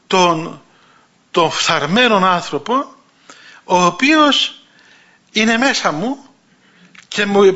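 Bright-voiced man preaching a sermon. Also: high voice. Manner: conversational storytelling, acting out voices in quotes. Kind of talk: sermon with anecdotes. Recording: dull lo-fi recording.

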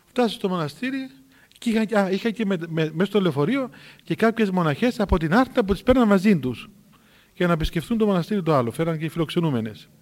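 Male preacher with a high voice, lively storyteller who acts out every line of dialogue. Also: in a large hall. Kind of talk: storytelling sermon.

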